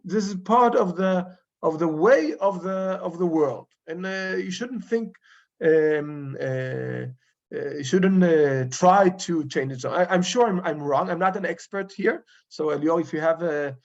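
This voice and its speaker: A male rabbi leads an informal Torah study session, his voice sitting a little high with a gravelly fry. He speaks haltingly, pausing often as he reaches for the right word. The recording sounds dull and lo-fi. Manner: halting, searching for English words with frequent pauses. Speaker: rabbi teaching a Torah class. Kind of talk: informal study-group lecture.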